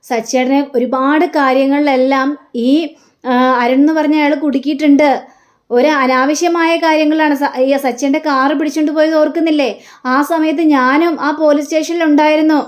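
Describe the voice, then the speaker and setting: A woman voicing a calm young wife who reasons earnestly with her husband, in a serial retelling. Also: sits high, fairly quick, lightly acted.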